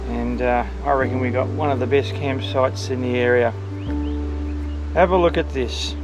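An older Australian man with a relaxed, laid-back manner, chatting casually to camera as a travel vlogger outdoors. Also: medium pitch. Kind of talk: casual vlog narration to camera. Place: outdoors at bush campsites and lakeside.

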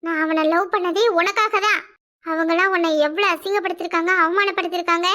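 A woman voicing a high, bitter young village girl. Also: steady tone, fairly quick, sharp tone. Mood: vengeful. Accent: Kanyakumari Tamil. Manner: pleading, then cold and resentful. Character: vengeful young village daughter, secretive and bitter. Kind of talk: cartoon voice acting.

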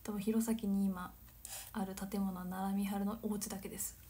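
A woman in her twenties from Nagano, chatting casually on a livestream, giggling and drifting into soft whispered asides. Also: medium pitch, little pitch movement, moderate pace. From Nagano, Japan. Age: 20s. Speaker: livestream host. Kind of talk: casual chat reading viewer comments.

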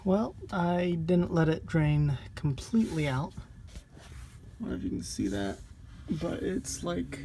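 A man with a gravelly voice on the high side speaks slowly but with lively intonation, narrating a car repair in casual how-to fashion. The DIY car vlogger rambles and thinks aloud with many ums on a handheld phone, in a moving car and then outdoors beside it at night, over loud road and engine noise.

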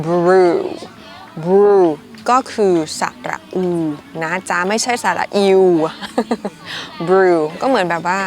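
A woman's voice: medium pitch, a little hiss or hum. Playful young Thai woman hosting a chatty English pronunciation lesson. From Thailand. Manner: playful, teasing, laughs often, drills words slowly. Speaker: English teacher.

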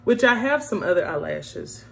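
A woman's voice: on the low side, sing-song, normal speed, vocal fry. Chatty woman doing her makeup. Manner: chatty, addresses viewers as y'all, hums while working. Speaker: beauty vlogger. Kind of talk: casual makeup vlog chat.

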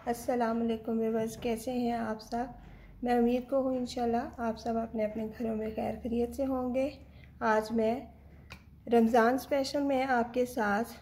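A woman with a fairly high voice demonstrates a recipe in her home kitchen. She talks straight to her viewers, explaining each step in a friendly, chatty way and mixing in English words. A faint noise sits behind her voice. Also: warm tone. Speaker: home cooking channel host.

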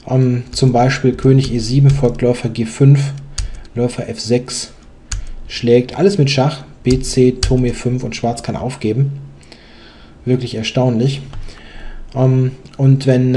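A man's voice: medium pitch, dark tone. A young man commentating a chess game, explaining moves thoughtfully with many hesitant fillers.

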